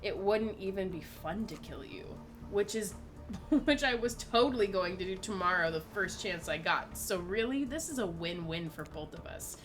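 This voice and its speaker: A woman's voice: mid-range voice, lively intonation, normal speed, fairly bright tone, faint music behind, natural voice. A woman reading the lines of a spiteful killer contestant, mocking and threatening in a game dialogue reading.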